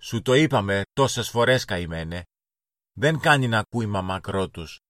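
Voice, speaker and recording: A man's voice: fairly low pitch, animated, a bit bright, no room sound, clean studio sound. A man voicing a small girl in a children's storybook reading; she talks earnestly, like a wise little old woman. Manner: earnest, prim, lecturing.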